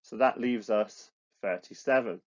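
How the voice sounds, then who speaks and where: A British man talks through a recorded lesson, patiently explaining each step and often restarting his phrases. His voice sits at an everyday middle pitch. The recording sounds a little dull and lo-fi. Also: unhurried. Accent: British English. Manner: explanatory, repeats phrases, frequent restarts and fillers. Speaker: computer science teacher. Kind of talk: recorded classroom lesson with slides.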